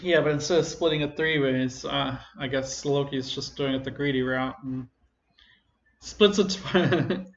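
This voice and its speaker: Casual game master, roomy lo-fi sound. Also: male voice, mid-range voice, flat delivery, a little hiss or hum. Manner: casual and halting, many fillers. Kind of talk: narrating a tabletop game.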